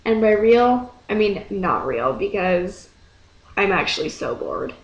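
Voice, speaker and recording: A woman's voice: medium pitch, big pitch swings, a little slow, muffled recording. A teenage girl rambling sarcastically in a casual vlog, swearing freely, into a webcam mic. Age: teens. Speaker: vlogger. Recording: echoey room.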